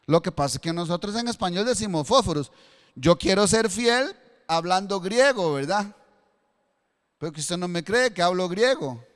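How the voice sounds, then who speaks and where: A man's voice: high voice, lively intonation, normal speed, big-room sound. A male pastor with a Costa Rican accent preaching a sermon, building to fervent emphasis and using a matchstick as a demonstration. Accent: Costa Rican Spanish. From Costa Rica.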